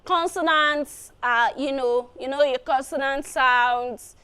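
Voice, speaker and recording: A woman's voice: high-pitched, takes it slowly, sharp tone. A woman teaching an exam preparation lesson, explaining step by step and often repeating her phrases.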